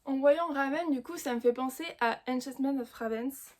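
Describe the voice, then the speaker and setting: A woman with a high, light voice talks casually through a book-box unboxing for her channel. She chats freely and fills her pauses with hesitant little fillers. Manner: chatty, full of hesitant fillers. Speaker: booktube host.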